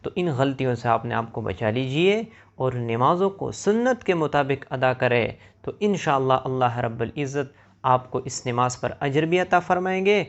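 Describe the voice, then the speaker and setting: A man teaching viewers how to pray correctly, demonstrating recited phrases slowly and carefully. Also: mid-range voice, muffled recording. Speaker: religious teacher. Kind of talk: explaining prayer rules to viewers.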